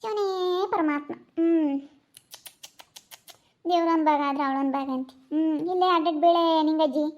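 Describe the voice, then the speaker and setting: A woman plays a playful village woman who teases and exclaims in a very high voice with a village Kannada accent. The sound is slightly dull and lo-fi. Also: normal speed, natural voice. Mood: mocking. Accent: Kannada, Karnataka village dialect. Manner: teasing, exclaiming.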